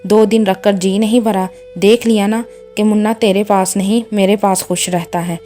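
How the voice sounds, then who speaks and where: A woman reading the part of a harsh mother-in-law, scolding, contemptuous, mellow voice. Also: mid-range voice, fairly even intonation, faint music behind, natural voice.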